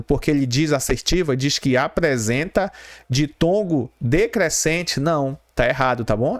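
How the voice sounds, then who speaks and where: A man with a Brazilian Portuguese accent teaches an exam-prep grammar lesson, explaining step by step, repeating key terms, and checking in with viewers. His voice is a little high with a clean tone, captured dry in a clean studio.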